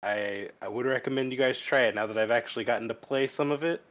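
A man's voice: mid-range voice, fast talker, a bit bright. Eager man stammering through casual chat. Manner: eager, stammers on first words. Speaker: podcast co-host.

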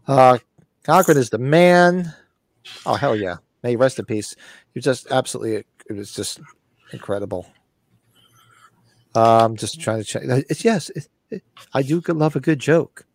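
A man co-hosts a casual podcast about horror collectibles, rambling upbeat at a moderate pace with long pauses and the occasional throat-clear. His medium-pitched voice has lively intonation but sounds scratchy and fades as he goes on.

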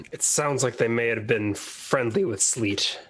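A man's voice: medium pitch, takes it slowly, gravelly, a bit bright, breathy edge. A man playing a tabletop game, chatting casually and thinking aloud with some hesitation.

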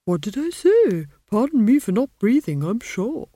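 A woman's voice: fairly high pitch, big pitch swings, moderate pace, warm tone, dry recording, studio quality, pitched above the performer's own voice. Give me a sarcastic, lecherous old wizard-tree, as a woman puts him on, drawling and smug. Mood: sardonic.

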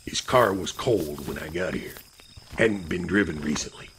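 A man voicing a wary small-town cop who speaks slowly and low. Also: a bit bright, a little hiss or hum, poor audio.

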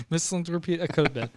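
A man's voice: a little high, darkish tone. A young man co-hosting a podcast in casual chat, teasing his friend and telling stories playfully. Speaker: podcast co-host.

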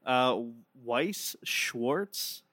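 A man's voice: medium pitch, expressive, very slow, pushed and bright, no room sound. A man casually chatting as co-host of a podcast, laid-back and rambling, laughing often. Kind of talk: casual chat.

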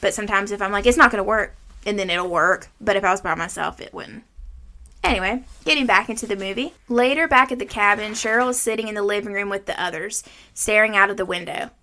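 A woman's voice: medium pitch, fast talker, bright, forceful tone. A woman around her thirties hosting a movie recap, mixing scripted summary with informal, salty chat. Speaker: podcast host.

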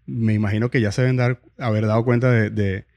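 A man's voice: lowish voice, fairly even intonation, fast talker, vocal fry, dull audio. Hesitant man hosting a podcast. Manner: hesitant, repeats words while searching for them. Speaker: podcast host. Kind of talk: casual interview chat.

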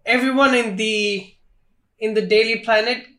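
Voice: medium pitch, steady tone, moderate pace, a bit bright. A podcast co-host chatting bluntly about films and cracking crude jokes. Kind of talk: casual film review chat.

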